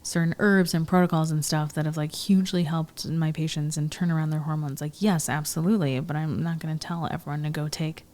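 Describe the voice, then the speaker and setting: A woman's voice: sits low, fairly even intonation, fairly quick, hardly any pauses, darkish tone. A woman who is a chiropractic physician, guesting on a casual podcast, chatty and emphatic, saying "like" a lot. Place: home room with a dog nearby.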